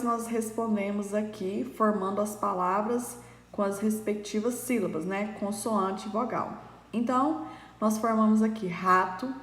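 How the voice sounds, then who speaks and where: Woman teacher for a recorded lesson, unhurried and patient, recorded in a reverberant room. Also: medium pitch. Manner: slow, patient, with frequent fillers. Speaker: primary school teacher. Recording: echoey room with long reverb.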